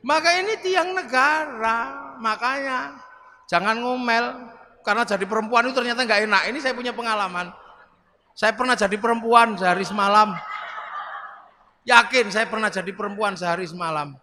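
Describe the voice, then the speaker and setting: A man, a preacher telling comic stories in a lively Islamic sermon and acting out the dialogue. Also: extremely high pitch, normal speed, pauses often. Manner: comic storytelling with acted-out dialogue and bursts of laughter. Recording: reverberant hall, faint background noise.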